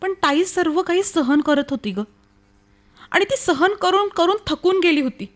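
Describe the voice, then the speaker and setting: An anguished young woman in an old-fashioned radio play. Her voice is high and emotional. She speaks in halting, dramatic phrases, weighed down by grief for her sister. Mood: sorrowful. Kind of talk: radio play acting, old radio show manner.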